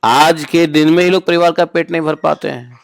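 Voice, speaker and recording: A man's voice: a little high, fairly even intonation, moderate pace, gravelly, dry recording. A man as spiritual teacher giving a conversational scripture discourse, often asking listeners rhetorical questions and telling informal stories. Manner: informal, storytelling asides.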